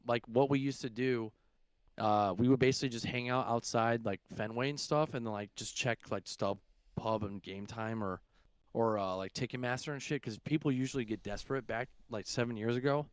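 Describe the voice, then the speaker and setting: A young man rambles through a casual podcast story, swearing freely and stacking up fillers. His voice is smooth and clear over a dry, close sound. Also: mid-range voice, steady tone, moderate pace, no echo. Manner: rambling, profane, lots of fillers. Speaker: podcast co-host. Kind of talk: casual chat.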